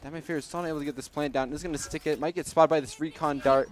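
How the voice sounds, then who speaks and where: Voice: mid-range voice, fairly even intonation, racing, music in the background. A young adult calling esports play-by-play in a casual, playful, jokey way. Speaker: esports commentator. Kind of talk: casual live game commentary. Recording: faint background noise.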